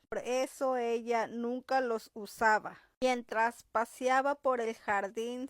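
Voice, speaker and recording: A woman narrating a romance audiobook in a calm, measured storytelling manner. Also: a little high, no room sound, clean studio sound.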